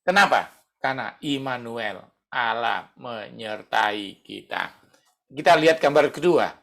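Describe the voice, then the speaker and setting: A man's voice: mid-range voice, animated, unhurried, creaky, fairly bright tone. A middle-aged male pastor, preaching a conversational sermon and acting out prayers.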